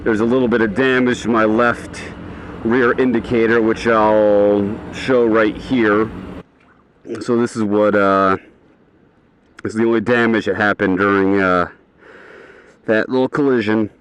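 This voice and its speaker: Riding a motorcycle through traffic outdoors, a man vlogs from inside his helmet in a rambling, offhand way. His voice is on the low side and steady, unhurried, with frequent pauses. The rough recording is full of engine and road noise captured inside the helmet.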